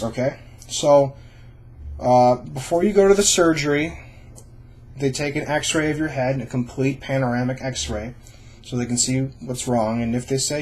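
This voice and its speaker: A man's voice: medium pitch, darkish tone, husky. A young adult man talking informally and reassuringly to camera, explaining things in a casual vlog style. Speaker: vlogger sharing own surgery experience.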